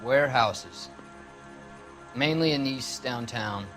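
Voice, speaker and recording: An actor playing a cornered car thief, defensive and slangy, in a 1940s crime video game. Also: male voice, mid-range voice, slow pace, fairly bright tone, soft background music. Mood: cornered, giving in. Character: defiant, cornered male car thief under police questioning.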